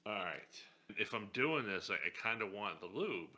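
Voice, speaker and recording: A man playing a tabletop role-playing game in character, wry and deadpan. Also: lowish voice, moderate pace. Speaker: player.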